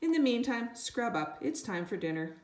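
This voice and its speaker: A woman voicing a patient, firm father who talks in a calm, steady way. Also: a little high, moderate pace, a little hiss or hum, pitched above the performer's own voice. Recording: roomy echo.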